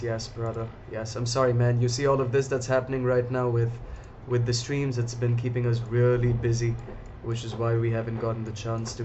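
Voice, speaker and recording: Casting note: a male trading host, casual and chatty, mid-pitched, talking to viewers, slightly dull lo-fi audio. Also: a little mellow, slight background noise. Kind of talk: live market commentary.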